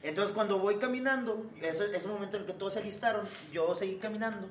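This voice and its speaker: A young man with a Mexican Spanish accent telling a story among friends in a casual, animated way, swearing freely and acting out sounds. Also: sits high, fast talker, distant mic. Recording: echoey room, faint noise.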